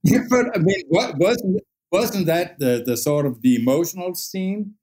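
Higher-voiced actor guy, keeps stumbling and restarting his sentences. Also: expressive, a little mellow. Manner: hesitant, halting, stumbles over his words. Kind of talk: casual chat.

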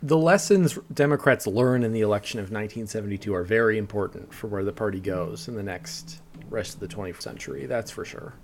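A man's voice: on the low side, fairly quick, hardly any pauses, a little mellow. A young man chatting on a podcast in a loose, wry way. He laughs often mid-sentence and keeps an easy conversational tone. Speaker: podcast co-host. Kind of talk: casual podcast chat.

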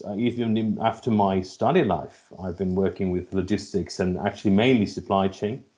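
Deep and mellow, the voice belongs to a middle-aged Finnish logistics executive appearing on a podcast. He responds to interview questions in a Finnish accent, pausing and repeating himself as he gropes for wording.

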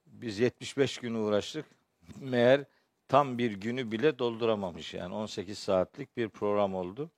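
A man giving a religious lecture as a teacher, his voice hoarse and strained, phrasing deliberately with pauses. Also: lowish voice, dry recording, clean studio sound. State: hoarse from shouting the day before, clearing his throat often. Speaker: Quran teacher and preacher. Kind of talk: spoken religious lecture with verse commentary.

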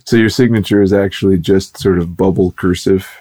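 A man's voice: low-pitched, steady tone, a little fast, warm tone. A man co-hosting a business podcast, playful and rambling, with a lot of fillers. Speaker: podcast co-host. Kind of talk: casual interview chat.

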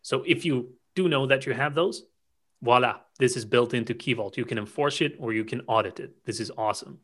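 A man's voice: medium pitch, a bit bright. A man explaining cloud security settings as an expert guest, enthusiastic and packing in lots of detail. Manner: enthusiastic, rapid-fire explainer. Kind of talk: technical explanation in conversation.

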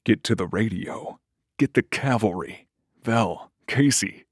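Man playing a sheriff, gruff, barking, urgent, low, dry. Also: slow, no echo. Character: gruff small-town male sheriff, urgent.

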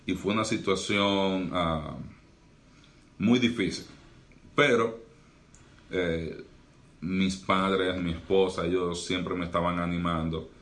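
Earnest and reflective, a young Dominican man who is a doctor and pastor recounts his life in a podcast interview, dropping in fillers such as "eh." He speaks slowly with long pauses, his low voice steady and a bit bright.

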